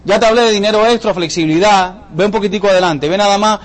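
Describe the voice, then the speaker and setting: Man, high voice, rapid talk, motivational sales seminar, jokey, asks audience questions. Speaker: business presenter at a sales seminar.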